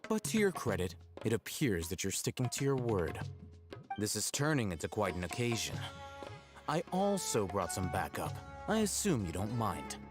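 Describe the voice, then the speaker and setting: Low-voiced young game scholar, detached, formal, analytical, music behind. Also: male voice, sing-song, normal speed. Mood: dry, confident.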